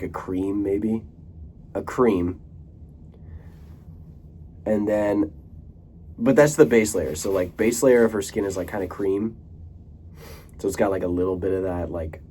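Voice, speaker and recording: A man's voice: on the low side, dark tone, a little hiss or hum. A young man talking casually to camera in a rambling monologue, full of fillers, restarts and casual swearing. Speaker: vlogger.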